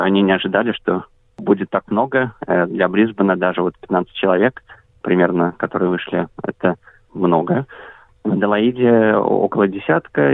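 A man interviewed as an activist coordinator, answering in a measured way with frequent hesitation sounds. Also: on the low side, gravelly, dry recording. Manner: measured, frequent filler sounds, careful listing. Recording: dry tinny phone-like line.

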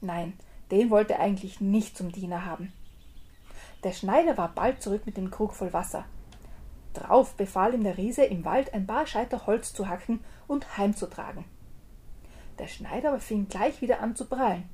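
A woman narrates a fairy tale in a lively storytelling voice. Her pitch sits in the middle of the range. Now and then she pauses to explain the regional words. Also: breathy edge.

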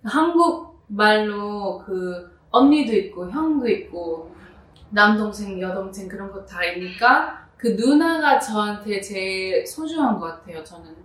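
A woman from New Jersey with a Korean American accent and native English, answering interview questions casually and haltingly, slipping between languages. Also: medium pitch, expressive, fairly bright tone. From New Jersey, United States. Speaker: musician being interviewed. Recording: roomy echo, distant microphone.

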